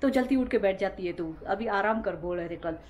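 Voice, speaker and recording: A young woman whose first language is Sindhi, chatting at home in a rambling daily vlog, repeating herself, her voice weak and low after being unwell. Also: lively intonation, quick pace, highs cut off. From India. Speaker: home vlogger. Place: home, indoors.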